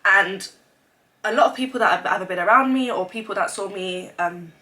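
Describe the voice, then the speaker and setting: Seated indoors at home in front of her camera mic, a congested woman in her twenties chats openly in a casual vlog, using "like" a lot. Her medium-pitched voice is pushed and bright, she talks fairly quickly, and the recording is rough.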